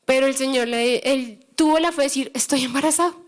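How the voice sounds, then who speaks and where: A woman delivers a sermon in a high, bright-toned voice. She tells stories and acts out the voices in them. Then she turns to urging her listeners to hold on to faith. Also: brisk, clean tone. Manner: storytelling with acted-out dialogue, exhorting. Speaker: preacher.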